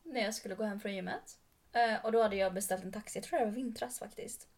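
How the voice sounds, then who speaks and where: A woman's voice: medium pitch, a little mellow. A young woman co-hosting a podcast, telling a story in casual chat with dialogue acted out. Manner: chatty, acts out dialogue while retelling. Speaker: podcast co-host.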